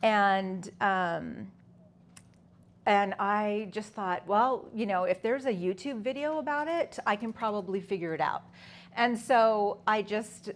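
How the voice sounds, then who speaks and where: Woman in her fifties telling her story. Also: mid-range voice. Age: 50s. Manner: conversational, many fillers and restarts. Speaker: conference speaker. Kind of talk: personal story talk to an audience.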